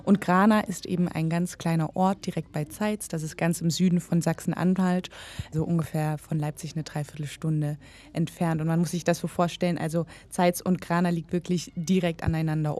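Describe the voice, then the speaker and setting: A woman's voice: deep voice, a little mellow. A woman reporter and filmmaker talking fluently and explaining at length on a podcast. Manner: fluent, explanatory, with occasional "äh" fillers. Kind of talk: podcast conversation and narration.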